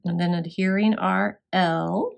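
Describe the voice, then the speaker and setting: A woman's voice: lowish voice, steady tone, unhurried, vocal fry. A woman instructor demonstrating scrapbook crafting step by step, explaining as she works with occasional fillers.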